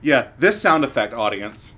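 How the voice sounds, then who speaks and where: A man streaming a game and riffing crudely with a co-host. His pitch swings widely as he talks, and his tone is bright and forceful. He often breaks into sudden loud outbursts. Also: very animated, normal speed, slight background noise. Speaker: let's play streamer. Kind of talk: casual gameplay commentary.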